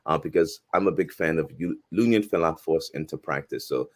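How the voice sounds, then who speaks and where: A man in his forties, originally from Haiti, speaks in a very low voice. He talks earnestly and thoughtfully as an interview guest, often starting a phrase over before finishing it. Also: fairly quick, darkish tone. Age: 40s. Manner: earnest, reflective, frequent restarts. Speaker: guest filmmaker and professor. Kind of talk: casual interview conversation.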